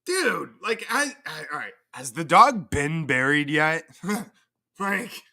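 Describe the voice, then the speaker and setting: A man's voice: on the high side, big pitch swings, slow pace, bright, forceful tone. A man hosting a livestream, crudely and profanely mocking in a casual rant. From Canada. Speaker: livestream host.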